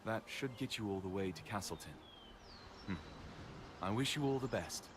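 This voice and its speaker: A man voicing a grave, rock-bodied male guardian in a game, his voice sounding metallic and robotic as he gives earnest, measured advice. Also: lowish voice, noisy background. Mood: solemn concern. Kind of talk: game character dialogue.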